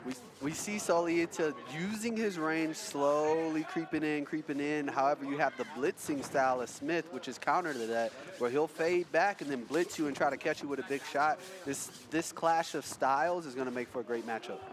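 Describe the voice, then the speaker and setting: A man with a slightly high voice gives color commentary on a fight. He explains things in a casual, conversational way over clearly audible music. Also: moderate pace, few pauses, a crowd in the background.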